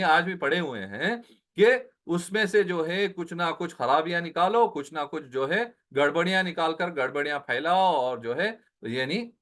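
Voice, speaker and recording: A man with a fairly high voice teaches a Quran translation lesson. He explains each word in turn, repeats Arabic terms slowly and asks his listeners rhetorical questions. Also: fairly bright tone. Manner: explains word by word, mixing in English phrases; slows down on Arabic words, repeats them.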